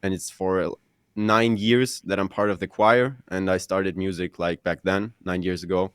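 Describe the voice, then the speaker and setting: Young man, deep, smooth. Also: level tone, moderate pace, no room sound, studio quality. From Germany. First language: German. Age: 20s. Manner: modest, hesitant, many ums. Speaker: podcaster guest. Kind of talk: casual interview answers.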